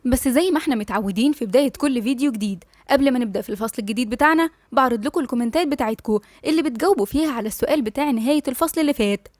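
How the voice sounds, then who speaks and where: Brief: egyptian woman narrator, high voice, very fast, dry close mic. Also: a little mellow, dry recording. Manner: brisk, friendly. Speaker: storyteller. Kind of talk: reading a novel aloud.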